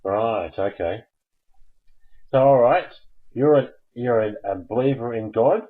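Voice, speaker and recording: A man's voice: medium pitch, measured pace, husky, narrow, tinny audio. A man hosting a live call-in stream, chatting casually and jokingly coaxing viewers to phone in. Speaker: host of a live call-in show.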